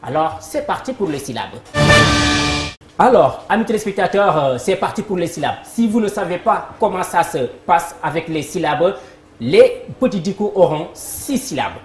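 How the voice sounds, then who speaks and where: In a TV studio, a game show host runs a live word game, addressing viewers and prompting applause in an upbeat announcer style. Her lowish voice is expressive and moderately paced, with music playing behind her, and the room sounds echoey with faint noise.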